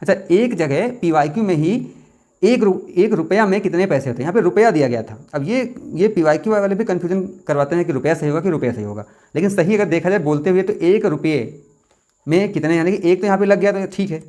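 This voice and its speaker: A young man coaching exam students, thinking aloud, rereading sentences slowly and correcting himself as he goes. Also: high voice, lively intonation, warm tone.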